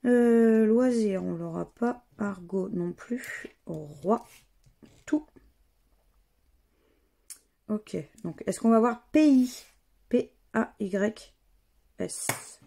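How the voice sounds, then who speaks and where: A woman's voice: on the high side, lively intonation, drawn-out words, gravelly, pauses often, warm tone. A woman, casually commenting as she scratches lottery tickets and spells out letters and words one by one. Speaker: scratch-card vlogger.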